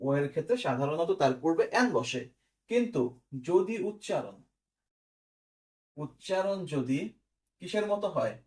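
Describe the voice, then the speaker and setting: A man's voice: on the high side, big pitch swings, measured pace, long pauses. A man, teaching an English grammar class step by step and often checking whether students follow. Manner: explains step by step, asks quiz questions and checks "clear?". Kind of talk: recorded online class.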